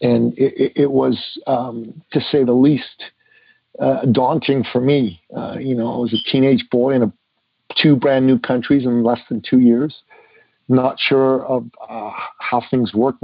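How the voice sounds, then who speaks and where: A man's voice: medium pitch, little pitch movement, a little slow, vocal fry, husky, dry recording, lo-fi sound. A man in his fifties, born in Iran, telling his life story earnestly as a guest author in a podcast interview, with frequent "uh" fillers. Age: 50s.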